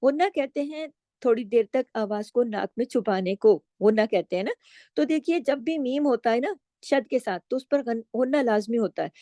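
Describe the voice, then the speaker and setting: A woman teaching Quran recitation rules, slowly chanting verses and then explaining each word patiently. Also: on the high side, mellow, no room sound. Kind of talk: tajweed lesson with slow recitation.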